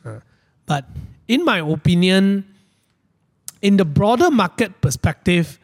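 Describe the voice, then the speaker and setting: Higher-pitched Malaysian man, colloquial English. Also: big pitch swings, measured pace. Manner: colloquial Malaysian English with lah and lor particles. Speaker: co-host reading audience questions. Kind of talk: casual market chat.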